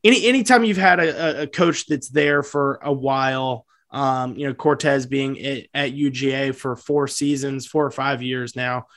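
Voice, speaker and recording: A man co-hosting a sports podcast, talking football in a casual, halting way with many fillers and restarts. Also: mid-range voice, fairly even intonation, fairly bright tone, no echo, studio quality.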